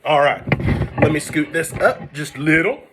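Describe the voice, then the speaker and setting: A man's voice: on the high side, moderate pace, very noisy. A man teaching an online string lesson from home on a phone camera, patient, checking in often. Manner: patient, repeats 'okay?' often. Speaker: music teacher. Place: home, seated with whiteboard.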